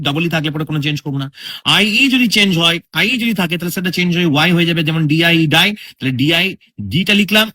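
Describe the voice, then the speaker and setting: Guy teaching english spelling rules, slightly high voice, keeps asking if u got it. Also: bright, forceful tone. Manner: explains step by step, repeats rules, checks understanding. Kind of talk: spoken English grammar lesson in Bengali.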